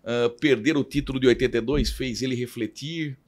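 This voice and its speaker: A man's voice: mid-range voice, brisk. A Brazilian man hosting a casual interview, chatty and asking his guest about the old days. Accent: Brazilian Portuguese. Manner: chatty, asks about the coach, laughs along. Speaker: host.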